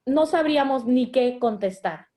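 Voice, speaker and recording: A woman with a high-pitched voice, giving earnest parenting advice in conversation. She explains her points at length and often stops to restart a phrase. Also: expressive, measured pace, warm tone. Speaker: guest speaking as a mother.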